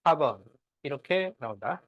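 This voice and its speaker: Lively high-pitched man teaching math. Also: moderate pace, no echo, muffled recording. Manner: talks through steps, checks in with students often. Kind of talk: classroom lesson.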